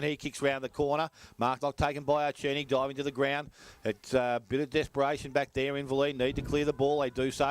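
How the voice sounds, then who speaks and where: An Australian man giving rapid running play-by-play commentary on a local football match. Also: mid-range voice.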